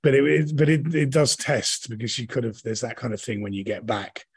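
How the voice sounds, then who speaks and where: Talking fairly quickly in a medium-pitched voice with a breathy edge, a middle-aged Englishman who tours as an actor and director chats as an interview guest. His answers ramble, and he keeps reworking his sentences partway through.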